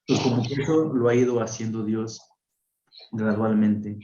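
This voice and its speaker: A friar being interviewed on a radio program, telling a personal testimony with lively, acted-out voices. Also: male voice, lowish voice, moderate pace, echoey room, lo-fi sound, slight background noise. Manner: animated storyteller who acts out voices. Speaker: friar telling his story. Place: radio studio.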